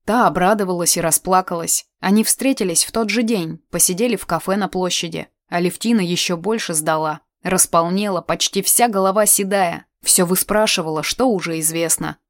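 A woman's voice: on the low side, fairly quick, few pauses, no echo. Woman narrating an audiobook, dry close sound. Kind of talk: scripted narration.

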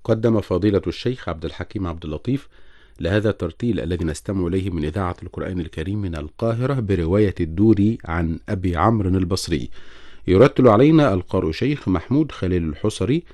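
Fast, deep male radio announcer. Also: dark tone, no echo. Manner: brisk, formal delivery. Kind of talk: formal broadcast announcement. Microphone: radio studio microphone.

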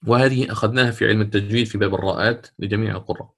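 A man teaching a Quran recitation lesson, explaining patiently, repeating key points, checking that students follow, and chanting quoted verses slowly. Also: fairly low pitch, fairly even intonation, vocal fry, fairly bright tone. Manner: hedging, checks understanding with "tamam?". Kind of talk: online tajweed lesson.

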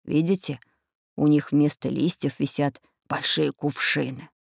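A woman voicing a calm, learned elderly male professor who lectures. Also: deep voice, measured pace, vocal fry, dry recording, studio quality, full character voice. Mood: lecturing.

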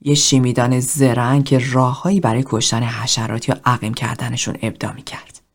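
A woman reading a cold, self-loathing middle-aged man in group therapy, speaking in a low, hushed, half-whispered confession. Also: flat delivery. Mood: bitter.

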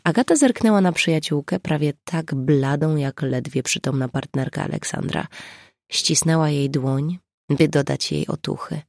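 An audiobook narrator reading a novel in measured, even scripted narration. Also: medium pitch, dry recording, clean studio sound.

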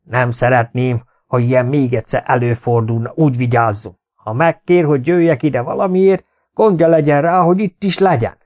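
A man voicing a gruff, domineering older farmer who growls and scolds in an audiobook. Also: medium pitch, steady tone, darkish tone, lightly acted. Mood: scolding. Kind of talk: audiobook character voice.

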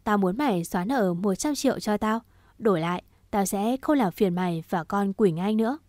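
Một người phụ nữ đọc giọng một gã trai trẻ thủ đoạn, nói giọng khiêu khích, chế giễu và hay chửi thề. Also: female voice, medium pitch, animated, normal speed, darkish tone, dry recording, studio quality, natural voice. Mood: taunting. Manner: mocking, swearing, provocative. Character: crude scheming young man, taunting and foul-mouthed.

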